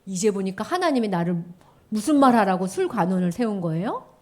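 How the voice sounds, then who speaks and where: A woman giving a children's sermon, animated and quizzing her listeners with questions. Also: mid-range voice, brisk.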